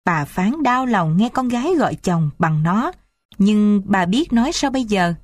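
A woman's voice: medium pitch, animated, a little slow, dry recording. Woman narrating a story, dry close sound.

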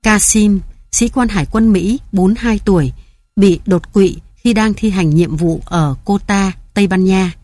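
A woman reading an audiobook in a calm, measured narration. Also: medium pitch, no echo.

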